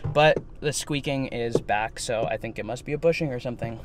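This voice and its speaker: A young adult man vlogs about his camping trip in a casual, chatty way, laughing between comments, his mid-range voice brisk with a little hiss or hum. He holds the camera at arm's length, first inside a truck and later outside in the snow.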